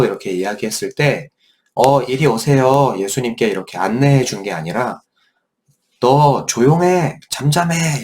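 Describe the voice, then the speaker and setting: Middle-aged male pastor, animated children's storyteller, very lively intonation. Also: lowish voice. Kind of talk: children's Sunday school Bible lesson.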